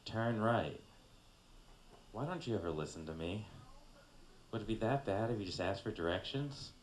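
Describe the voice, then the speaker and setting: A man's voice: on the low side, lively intonation, moderate pace, reverberant, slight background noise, lightly acted. A man voicing his exasperated girlfriend nagging him about directions.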